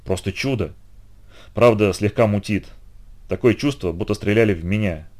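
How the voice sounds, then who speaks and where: A man's voice: on the low side, fairly quick, a little mellow, lightly acted. A man voicing a shaken, queasy young man who speaks faintly, almost whispering, in an audiobook.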